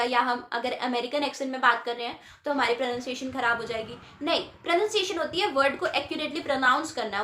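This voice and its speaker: A woman explains exam speaking criteria in a chatty, reassuring tutor's manner. She often poses a question and then answers it herself. Her voice is high and bright, and it rings slightly in a roomy space. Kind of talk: explanatory lesson mixing Hindi and English. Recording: roomy echo.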